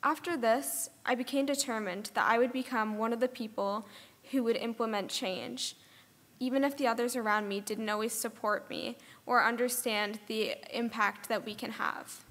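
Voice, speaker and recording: A teenage girl reads a prepared speech at a podium in a large ballroom, her earnest, steady voice sitting a little high. The sound rings out with a long hall reverb. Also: moderate pace. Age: teens. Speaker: student speaker. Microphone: podium microphone.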